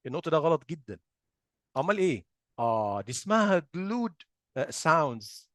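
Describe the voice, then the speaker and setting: Egyptian guy teaching phonics, kinda high voice, dry close sound, keeps asking then answering himself. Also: fairly bright tone, dry recording. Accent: Egyptian Arabic. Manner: poses questions and answers them himself; drawn-out sound demonstrations. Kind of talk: explanatory lesson.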